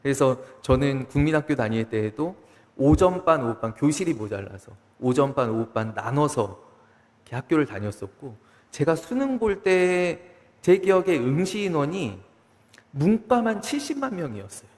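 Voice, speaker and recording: Lively male pastor preaching in a reverberant hall. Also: on the high side, moderate pace. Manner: lively preaching, voices David's complaints to God in pleading tones. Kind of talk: sermon. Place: church sanctuary. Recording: church hall with long reverb.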